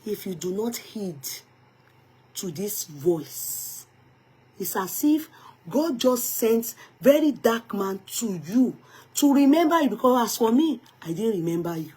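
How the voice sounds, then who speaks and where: A woman's voice: mid-range voice, very animated, unhurried, warm tone, slightly rough. A woman with a Nigerian accent giving emphatic gossip commentary in a vlog, slipping into pidgin and Yoruba phrases. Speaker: vlogger.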